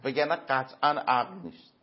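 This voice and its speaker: A man answering as an interview guest, giving earnest moral and religious advice through everyday examples, with emphatic pauses. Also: mid-range voice, fairly even intonation. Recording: dull lo-fi recording.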